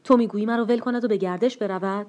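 A woman's voice: mid-range voice, fairly even intonation, a little mellow, voice pushed up, close to an everyday voice. A woman voicing a frightened, pleading middle-aged father in a read-aloud story, with an urgent delivery.

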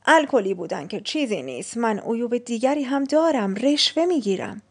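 A woman reading a nervous young suitor who confesses invented crimes in hushed whispers, with a husky voice. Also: extremely high pitch, very animated, full character voice. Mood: confessing.

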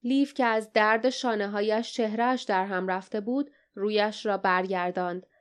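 Woman reading an audiobook in a smooth voice. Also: steady tone. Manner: reads dialogue with raised pitch and energy. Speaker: audiobook narrator.

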